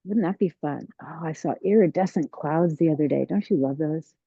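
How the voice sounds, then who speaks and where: A woman teaching a tai chi class, giving serene, encouraging, unhurried movement cues. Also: sits low, slightly rough. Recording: roomy, dull lo-fi sound.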